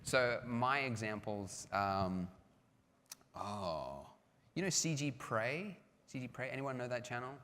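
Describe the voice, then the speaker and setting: A man's voice: medium pitch, animated, slow pace, bright, forceful tone. A man speaking casually at a live panel, chatty and self-deprecating, with lots of restarts and filler words. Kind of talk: casual conference talk with audience questions. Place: large hall with audience. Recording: long hall reverb with faint background noise.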